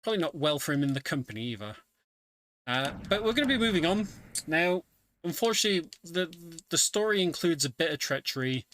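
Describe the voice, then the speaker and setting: A speedrunner plays his own run and explains the story in casual live commentary. His voice is on the high side, sing-song and fairly bright, fairly quick, with a slight hiss or hum.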